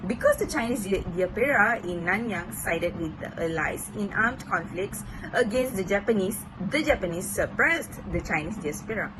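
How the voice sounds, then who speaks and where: A woman's voice: medium pitch, animated, normal speed, few pauses. A young Malaysian woman, a student, reading a school presentation and stumbling over some words. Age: young adult. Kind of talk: read-aloud school presentation. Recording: noisy amateur recording.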